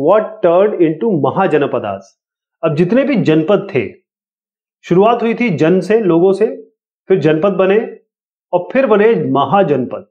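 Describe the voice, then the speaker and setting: A man explaining an exam lesson to students in a casual, explanatory way, reading questions out slowly. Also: a little high. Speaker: teacher. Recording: tinny, phone-like sound.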